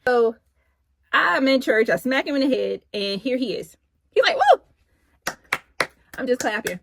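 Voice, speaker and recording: A woman's voice: on the high side, normal speed, gravelly, background noise. Chatty woman telling a story. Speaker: vlogger. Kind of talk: casual storytelling to camera.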